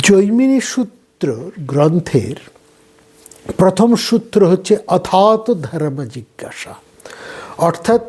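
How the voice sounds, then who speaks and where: A man giving a slow, measured philosophy lecture, often trailing off softly at the ends of his phrases. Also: on the high side, slightly rough.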